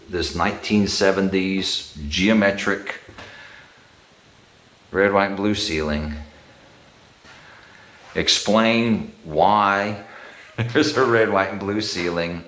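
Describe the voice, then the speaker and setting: A man casually telling a family story to the camera while showing a room under renovation, rambling and chuckling, and getting animated when he quotes people. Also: sits low, reverberant. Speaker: homeowner documenting a room.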